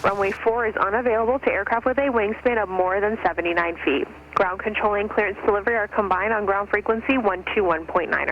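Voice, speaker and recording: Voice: mid-range voice, quick pace, hardly any pauses, lo-fi sound, slight background noise. Automated airport weather broadcast voice. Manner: even, clipped readout of numbers and notices. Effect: automated airport weather broadcast over aircraft radio. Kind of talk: recorded airport information broadcast.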